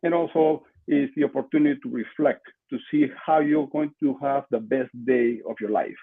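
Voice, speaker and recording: Speaking over a video call from a small room at home, an older marketing entrepreneur from Lima, Peru talks conversationally as a podcast guest, repeating points for emphasis. His Peruvian Spanish-accented voice is medium-pitched, creaky and slightly rough at a normal speed, and the computer mic at desk distance makes the audio muffled and lo-fi.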